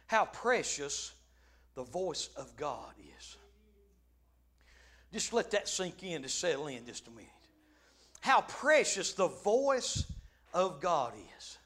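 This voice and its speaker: A man's voice: on the high side, expressive, measured pace, pauses often, a bit bright. A man preaching a fervent revival sermon in church, building his points through repetition and frequent amens.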